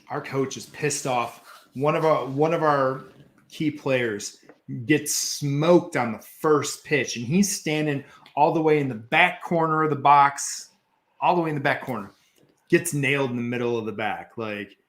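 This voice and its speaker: A man's voice: mid-range voice, measured pace. A man hosting a podcast in a laid-back, conversational way, swearing casually as he tells a story. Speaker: podcast host, former pitcher.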